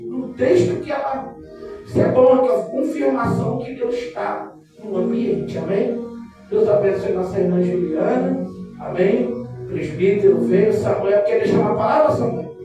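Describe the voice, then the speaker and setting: A woman's voice: a little high, recorded from a distance. A woman with a Carioca accent preaches and prays with fervor, sliding into a chanted cadence and calling out for amens. Her voice reaches the mic from across a very echoey hall, with music playing underneath. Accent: Carioca Brazilian Portuguese. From Rio de Janeiro, Brazil. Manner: fervent, often chanting phrases, prompting "amen?" replies. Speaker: church leader closing a service. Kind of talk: sermon and closing prayer. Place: small church hall. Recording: echoey church sound heard from afar with music.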